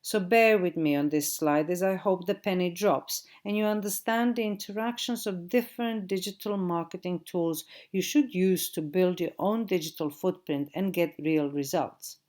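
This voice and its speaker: Web addresses get spelled out slowly by this middle-aged woman, a Croatian digital marketing trainer delivering a steady recorded lecture. Her voice is slightly low and Croatian-accented, captured in audio only.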